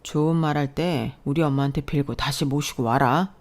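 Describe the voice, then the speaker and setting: A woman's voice: low-pitched, moderate pace, a little mellow. A woman voicing an arrogant, hot-tempered husband who sneers and threatens in a story reading. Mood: sneering.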